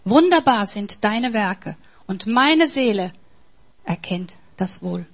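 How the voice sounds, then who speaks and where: A woman preaching a sermon in an emphatic way, swinging between soft, near-whispered passages and forceful, raised lines. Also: mid-range voice, animated, slow, husky.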